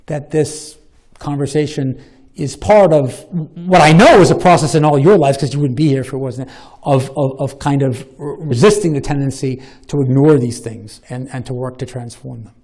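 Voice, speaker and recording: A man with a Boston accent giving a live public talk and answering audience questions, animated and long-winded, with a self-deprecating streak. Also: a little high. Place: lecture hall with an audience.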